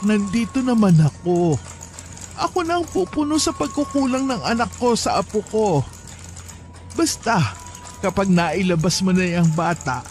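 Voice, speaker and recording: A man voicing a caring older woman, a soon-to-be grandmother, who soothes and reassures in a soft motherly way. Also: high-pitched. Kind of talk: storytelling narration.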